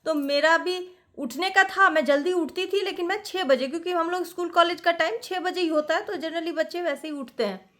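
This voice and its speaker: Brief: middle-aged woman from Delhi, high bright voice, animated chatty vlog storyteller. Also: fairly quick. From Delhi, India. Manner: animated, chatty, laughing at herself. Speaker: vlogger. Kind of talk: casual storytelling.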